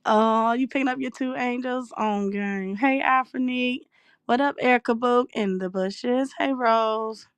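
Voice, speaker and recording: A woman hosts a casual livestream and reads out shout-outs to her viewers between heated, profane outbursts. Her voice sits fairly high, clear and crisp, and she talks at an unhurried pace. The sound is dry and close. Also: dry recording. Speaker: livestream host.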